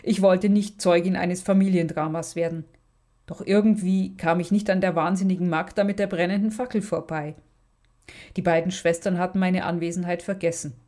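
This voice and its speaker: A woman narrating a story in the first person with a measured, even reading. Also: fairly low pitch.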